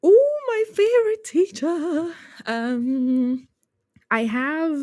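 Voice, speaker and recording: Speaking very slowly in a high, warm voice with lively intonation, a woman from Ghana, raised in Accra, reflects conversationally as a podcast guest. She's a user experience researcher. The recording is dry and studio quality.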